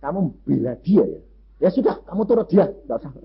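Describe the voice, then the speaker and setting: A man preaching a sermon, telling stories lively and acting out the voices of people in them. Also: a little high, fast, gravelly, breathy edge. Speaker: pastor. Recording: muffled lo-fi recording.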